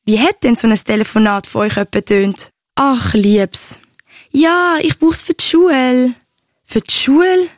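A woman's voice: sits high, unhurried, no room sound, clean studio sound. A woman voicing a curious young grandchild who eagerly questions her grandmother, in a Swiss German accent.

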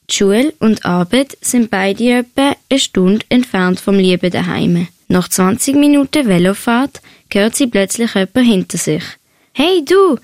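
A woman with a Swiss German accent calmly reading a short story aloud. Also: mid-range voice, no room sound.

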